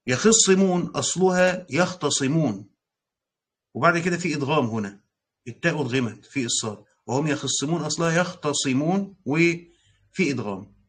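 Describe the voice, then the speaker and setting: A man's voice: fairly high pitch, animated, fast talker, a bit bright, slightly rough. A man with an Egyptian accent teaching a lesson on Quran commentary, reading passages aloud and explaining them in casual speech with hesitant restarts. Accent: Egyptian Arabic. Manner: explains, reads passages aloud, then paraphrases.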